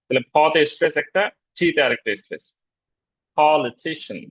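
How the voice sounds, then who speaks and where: A man teaching an online spoken-English class in a relaxed, explanatory way, pausing often on fillers. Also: a little high, breathy edge, dry recording, muffled recording. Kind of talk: online lecture on pronunciation. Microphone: video call.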